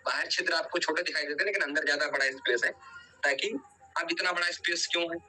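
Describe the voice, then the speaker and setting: Bright-voiced man teaching biology online. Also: a little high, fairly even intonation, quick pace, slight background noise, poor audio. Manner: explains step by step, often checks with "ठीक है"; quizzes students and urges revision.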